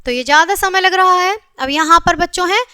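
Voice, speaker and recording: A woman teaching a grammar lesson to children, explaining step by step, slowly stretching each sound she names and often saying "okay". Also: extremely high pitch, sharp tone, no room sound, studio quality.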